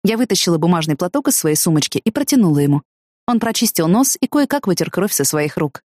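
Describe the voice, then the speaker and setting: Expressive woman audiobook narrator. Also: on the low side, quick pace, dry recording, clean studio sound. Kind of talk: first-person audiobook narration.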